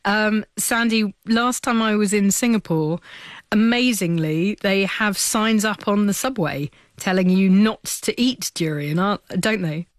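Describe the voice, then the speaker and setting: A woman's voice: medium pitch, a little slow, no room sound. Woman presenting a science radio show, close dry sound. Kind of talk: scripted radio presenting with panel chat.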